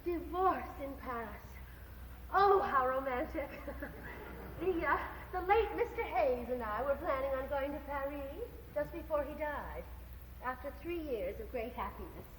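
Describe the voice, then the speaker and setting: An actress with a high, expressive voice sings and speaks unhurriedly as a chattering, pretentious middle-aged widowed landlady in a stage musical, giggling, affected, and dropping French phrases. Her mood is gushing and flirtatious. The live soundboard recording carries a faint hiss or hum and the echo of a theater hall.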